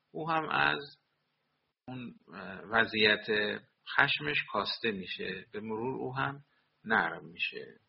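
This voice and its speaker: Man, religious lecture, explains quoted sayings, raspy voice, muffled recording. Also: mid-range voice. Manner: explains quoted Arabic sayings line by line in Persian. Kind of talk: sermon. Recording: dull lo-fi recording.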